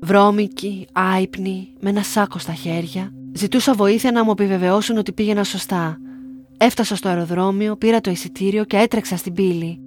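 A young woman from Greece reading her own story aloud in a calm, measured way. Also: mid-range voice. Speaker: narrator. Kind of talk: scripted first-person narration. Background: faint music.

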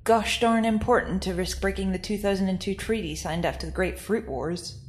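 An actress voicing a flippant, quick-witted female spaceship pilot in a wry, teasing manner. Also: mid-range voice, close to an everyday voice. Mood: exasperated. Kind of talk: audio drama acting.

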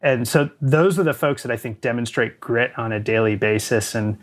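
A man with a Canadian accent, talking as a podcast guest at a mid pitch. He speaks in a thoughtful, measured way. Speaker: guest, sales executive. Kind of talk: casual interview.

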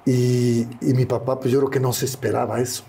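An older man with a Mexican Spanish accent, a retired wrestler, tells anecdotes as a guest in a casual interview, acting out the voices of the people he quotes. His mid-range voice is creaky and mellow, with a level tone and a slightly fast pace. There's a little background noise.

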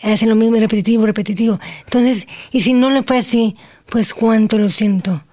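A woman, speaking slowly and deliberately as an interview guest telling her personal story. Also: fairly high pitch, dark tone. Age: 40s. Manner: slow, deliberate, earnest speech after recovering her voice.

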